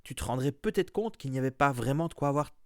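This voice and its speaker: A man voicing an eleven-year-old boy wizard who talks quickly and earnestly. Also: medium pitch, animated, no echo, clean studio sound, pitched above the performer's own voice, lightly acted.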